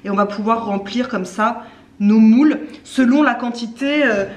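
A woman's voice: on the high side, moderate pace. A woman in her thirties in her home kitchen, chatting casually as she shows a breakfast recipe step by step, with many fillers. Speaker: cooking vlogger. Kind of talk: casual cooking demonstration. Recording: echoey kitchen with faint noise.

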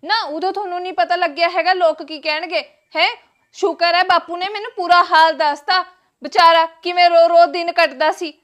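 A woman's voice: very high-pitched, steady tone, brisk, fairly bright tone, highs cut off. A woman playing a stern grown daughter who scolds her brother and his wife for mistreating their father. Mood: scolding.

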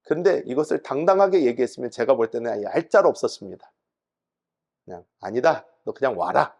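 A middle-aged man, a pastor, preaching a sermon that swings from loud emphatic peaks to soft, low asides. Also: expressive, a little fast, vocal fry.

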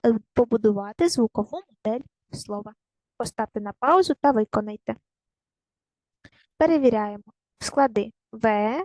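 A woman teaching a recorded primary school lesson, giving clear, patient step-by-step instructions to young children. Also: a little high, no echo, low-quality recording.

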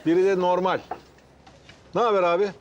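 A man's voice: high-pitched, flat delivery, a little fast, dull audio, slight background noise, natural voice. An actor playing a courteous, long-winded man in a comedy series who argues to get his jacket back in flowery, formal words. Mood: friendly. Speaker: sitcom character.

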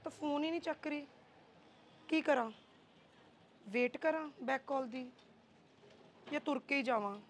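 A young woman acts a chatty, teasing cousin in a short film. Her voice is high and lively in tone. Faint ambient noise sits behind her. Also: measured pace, long pauses.

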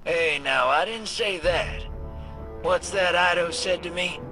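An actor playing a wry, streetwise older drifter in a video game, talking in a folksy, slangy, knowing way. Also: male voice, sits high, takes it slowly, music in the background. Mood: reassuring, frank. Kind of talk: video game character dialogue.

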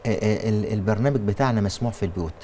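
A man's voice: fairly low pitch, racing, dark tone, slight background noise. A man with an Egyptian accent answering religious questions in a TV studio, explaining with emphasis and frequent restarts.

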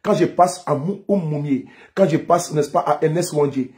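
Man, activist vlogger, defiant declamatory monologue, slightly high voice, recorded at home. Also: normal speed, darkish tone. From Côte d'Ivoire. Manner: fiery declamatory, repeats phrases, frequent "n'est-ce pas". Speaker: political activist. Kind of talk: political monologue vlog.

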